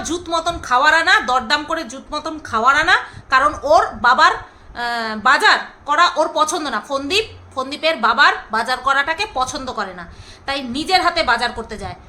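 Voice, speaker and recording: A woman with a very high, bright voice that cuts sharply through her angry monologue. She scolds and mocks, hammering her points home by repeating them. She speaks directly to her viewers as a middle-aged vlogger. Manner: scolding, sarcastic, repeats phrases for emphasis. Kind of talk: angry ranting monologue to camera.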